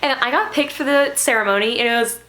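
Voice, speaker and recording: A young woman vlogging a casual trip recap, chatty and excited, often correcting herself. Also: a little high, quick pace.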